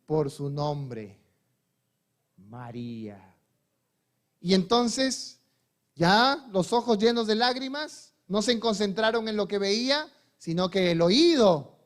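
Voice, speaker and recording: A male pastor preaching a sermon. He asks the congregation questions and answers them himself, and moves between soft, slow passages and loud, emphatic ones. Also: high-pitched.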